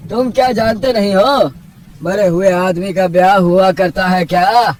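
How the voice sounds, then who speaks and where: A man's voice: high-pitched, steady tone, unhurried, background noise, voice pushed up. Man playing a scolding old village uncle. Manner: rustic, lecturing, rhetorical questions. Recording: distant mic with loud music.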